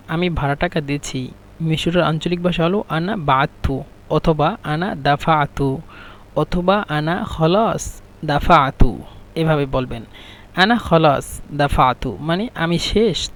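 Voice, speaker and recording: Male language teacher, somewhat high voice, patient step-by-step drilling of phrases. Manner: repeats phrases slowly and explains pronunciation. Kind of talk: spoken language lesson.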